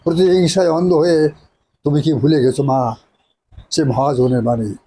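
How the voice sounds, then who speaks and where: A man playing an anguished, patriotic nawab hero in a hammy, declamatory folk-theatre style with drawn-out words. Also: fairly high pitch, steady tone, dark tone, a little hiss or hum, close to an everyday voice. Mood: pleading, reverent. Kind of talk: 1980s Bengali jatra folk-theatre monologue.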